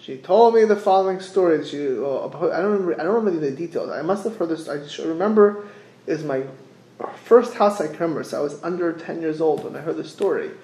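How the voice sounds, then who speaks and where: A middle-aged man with gives an informal religious sermon, haltingly repeating phrases and posing rhetorical questions. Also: fairly high pitch, lively intonation, warm tone. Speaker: rabbi giving a religious class. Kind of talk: informal sermon, explaining texts with anecdotes. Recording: echoey room.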